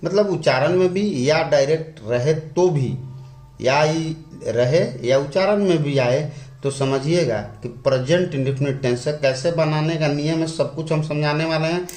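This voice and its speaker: A man teaching English grammar in a lesson, repeating key words slowly and drawing them out. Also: a little high, a little mellow. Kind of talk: explaining at a whiteboard. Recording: echoey room.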